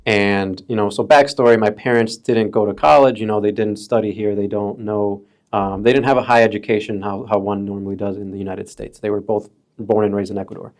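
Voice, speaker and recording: A man in his early thirties from the Chicago area, telling stories as a podcast guest in a relaxed, casual way, peppered with bro and dude. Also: fairly low pitch, a little fast. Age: 30s. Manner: laid-back, calls friends bro and dude. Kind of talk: casual storytelling chat.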